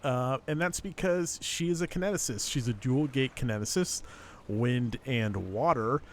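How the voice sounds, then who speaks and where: A man with a medium-pitched voice runs a tabletop game. He hosts and narrates in a casual, conversational way, with faint noise and room ambience behind him. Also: moderate pace. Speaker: game master and host.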